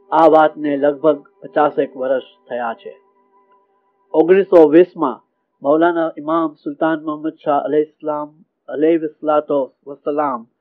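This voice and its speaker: A man tells a devotional story with feeling, now and then breaking into recited verses and prayers. His voice is a little high for a man. The audio is thin and narrow, like it came over a phone. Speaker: religious storyteller.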